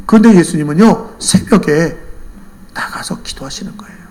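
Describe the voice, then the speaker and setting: A man's voice: on the high side, expressive, brisk. A male senior pastor preaching a sermon, telling a story and driving it home with emphatic rhetorical questions.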